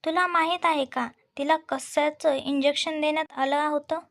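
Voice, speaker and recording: A woman's voice: high-pitched, steady tone, moderate pace, creaky. A woman voicing a cruel male villain who mocks and gloats, in a storybook reading. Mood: gloating. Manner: mocking, gloating.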